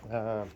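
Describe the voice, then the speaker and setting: A man's voice: pushed and bright, a little hiss or hum, poor audio. A man, rambling chattily through a casual home vlog from his kitchen and swearing now and then. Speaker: vlogger. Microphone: handheld camera.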